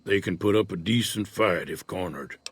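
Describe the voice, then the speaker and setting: An aging prospector from a video game, laid-back but wary. His voice sits very low and husky, with a folksy drawl. It is recorded close and dry. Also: moderate pace, no room sound. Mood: easygoing. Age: older. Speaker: retired prospector in a frontier town.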